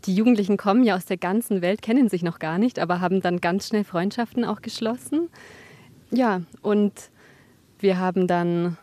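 A woman's voice: medium pitch, normal speed, a little mellow, dry recording. A woman teacher giving an upbeat interview statement with a few fillers.

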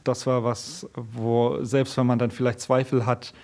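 A man, a musician in an interview, answering in a measured, thoughtful and modest way. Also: mid-range voice, little pitch movement, vocal fry, darkish tone.

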